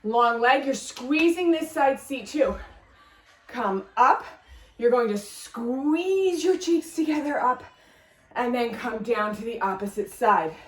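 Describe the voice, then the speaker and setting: A high-pitched woman leads a workout as the instructor, counting reps and calling out form cues in an upbeat way. She exercises along with the class as she talks. Her voice is picked up from some distance in an echoey room. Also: animated, slow pace. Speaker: fitness instructor.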